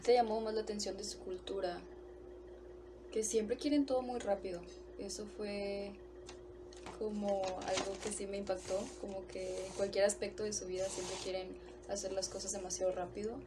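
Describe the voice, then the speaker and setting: A woman tells her story in an even, level voice that barely rises or falls. She takes her time and pauses on fillers as she goes. A steady ambient hum fills the background. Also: medium pitch. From Mexico. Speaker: interviewee. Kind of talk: casual recollection.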